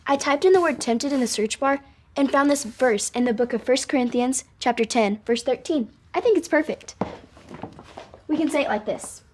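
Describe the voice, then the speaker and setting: A woman's voice: sits high, normal speed, slight background noise, natural voice. An actress playing a sensible, helpful young woman in a kids' show, earnest and explanatory. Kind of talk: scripted kids' show acting.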